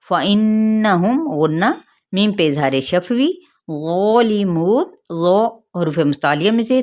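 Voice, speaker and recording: A woman teaches the rules of Quran recitation in a fairly low voice. She explains each point step by step and often checks that her listeners are following. She slows right down to chant the verses. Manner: slow drawn-out chanting of verses. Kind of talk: tajweed lesson.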